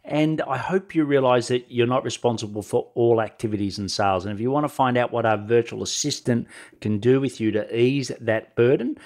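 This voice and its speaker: A middle-aged podcast host and sales coach, nasal from a head cold, gives conversational advice on his solo show in a fairly low, slightly mellow voice. He addresses the listener directly and keeps checking in with tag questions like "right?"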